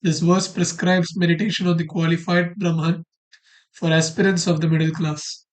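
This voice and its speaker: A man's voice: fairly high pitch, little pitch movement, moderate pace. A man in a study group, asking questions in casual discussion and reading translations aloud with an inquisitive manner.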